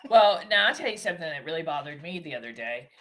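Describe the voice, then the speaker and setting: A woman co-hosting a casual morning chat show, telling stories in an animated way and chiming in often. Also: deep voice, fast talker, slight background noise. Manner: animated storyteller, chimes in often.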